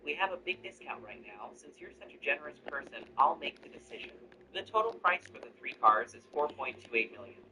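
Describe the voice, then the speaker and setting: A man's voice: a little high, a little fast, few pauses, far from the mic, noisy background, close to an everyday voice. A man reading the part of an eager, fawning car salesman in a narrated story. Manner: flattering, salesy.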